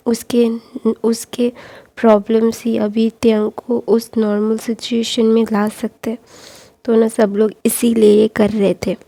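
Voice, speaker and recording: A woman's voice: on the high side, warm tone. A woman retelling a story casually, rambling with many fillers and restarts.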